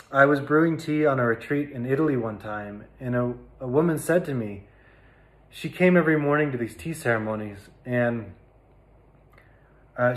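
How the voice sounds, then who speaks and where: A man giving a reflective talk as a tea teacher, speaking slowly and thoughtfully, with pauses and fillers. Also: mid-range voice.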